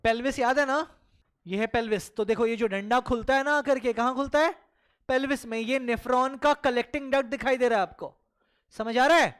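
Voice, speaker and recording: A biology teacher lectures a class in a medium-pitched, fairly quick voice that is a bit bright and clean. She keeps posing questions and answering them herself, repeats words for emphasis, calls the students children, and switches freely between Hindi and English.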